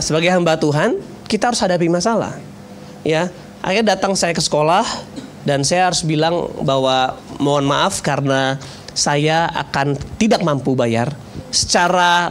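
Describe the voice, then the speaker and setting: A man's voice: high voice, slight background noise. A man in his thirties, a pastor preaching a sermon, telling a personal story with jokes and acting out conversations. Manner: storytelling, jokey, acts out dialogue.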